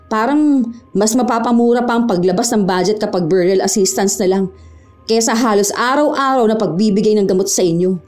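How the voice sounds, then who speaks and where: A woman playing a rude, haughty young town-hall clerk who talks down to people in a sharp, scornful way. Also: medium pitch, a little fast, soft background music, close to an everyday voice. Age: young adult.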